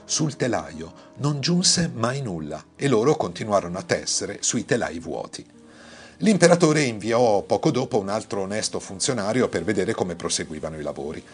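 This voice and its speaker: A man tells a classic fairy tale in a lowish voice, reading expressively and lifting his tone when characters speak. Quiet music plays underneath the narration. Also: big pitch swings, normal speed. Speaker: storyteller. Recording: faint music behind the voice.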